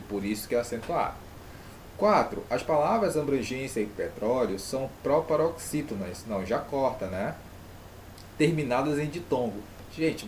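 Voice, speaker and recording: A man's voice: mid-range voice, darkish tone, a little hiss or hum. A man with a Brazilian Portuguese accent, teaching an online grammar lesson and putting rhetorical questions to his pupils.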